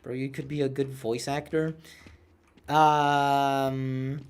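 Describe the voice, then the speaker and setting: A man's voice: medium pitch, little pitch movement, slow pace, clear, resonant tone. A man in his twenties chatting casually while streaming a game, rambling and self-mocking, with a cartoonish voice. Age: 20s. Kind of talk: casual gameplay chat.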